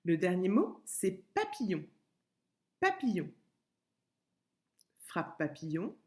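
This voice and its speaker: A woman schoolteacher giving a recorded lesson to young pupils, patient and clear, repeating words and sounding out syllables. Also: on the low side, wildly swooping pitch, slow, darkish tone. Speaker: primary school teacher. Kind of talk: remote classroom lesson video.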